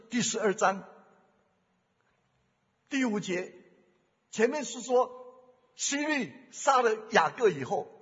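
A male preacher giving a sermon, fervent, moving from hushed storytelling to loud exhortation. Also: extremely high pitch, slightly rough. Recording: dull sound with long hall reverb.

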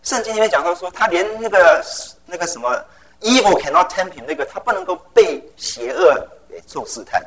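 Delivering a sermon at a brisk clip, a middle-aged preacher with a high-sitting, gravelly voice tells lively personal anecdotes full of vivid sound words and slips English phrases in along the way. The audio is poor.

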